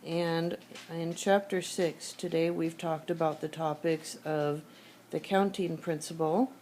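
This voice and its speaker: A math teacher with a sore throat walks through problems one step at a time in a screencast lesson. Her voice sits low and mellow. A faint hiss runs under it. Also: takes it slowly. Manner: steady step-by-step explaining, thinking aloud. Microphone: tablet screencast recording.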